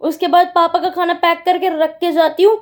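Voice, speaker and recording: A woman's voice: extremely high pitch, level tone, moderate pace. A teenage girl vlogging at home with her mother, chatty and giggly, playfully protesting. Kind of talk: casual family vlog chat.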